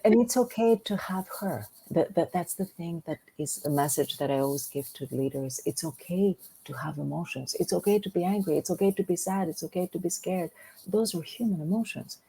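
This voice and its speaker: A woman's voice: lowish voice, a little fast, gravelly, mellow, breathy edge, rough recording. A woman from Greece, a guest on a business podcast, speaking earnestly and often repeating words as she starts a thought. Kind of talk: podcast interview.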